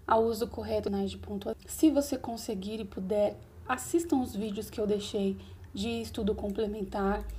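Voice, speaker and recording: A woman's voice: mid-range voice, warm tone. A woman from Brazil, a primary school teacher, patiently explaining a recorded lesson to children step by step.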